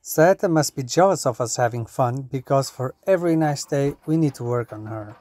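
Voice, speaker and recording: A man in his thirties narrating a sailing travel vlog in a relaxed, matter-of-fact voice-over. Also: mid-range voice, moderate pace, no echo. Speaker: sailing vlogger.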